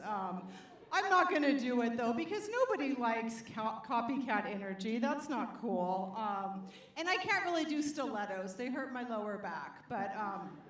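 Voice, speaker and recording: A middle-aged woman performing a stand-up comedy set on stage, with a wry, punchy delivery that draws out the punchlines. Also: sits high. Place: comedy stage before a live audience. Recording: roomy live venue.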